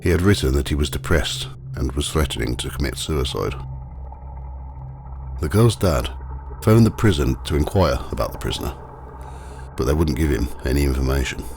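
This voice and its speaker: A man narrating a scripted ghost walk as the guide, telling the stories in a measured, matter-of-fact way. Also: very deep voice, lively intonation. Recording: clearly noisy, ambient sound behind.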